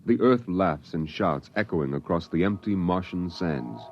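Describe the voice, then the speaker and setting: A man narrating a 1950s radio drama in a very deep, gravelly voice, in a measured, descriptive way. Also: lively intonation. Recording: dull vintage radio recording with music.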